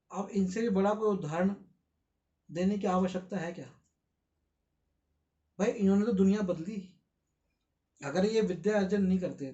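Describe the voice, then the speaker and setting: A man with a notably high voice explains at length in an earnest, lecturing manner. He keeps throwing rhetorical questions at his listeners. The sound is slightly dull and lo-fi. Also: mellow. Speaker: interview guest.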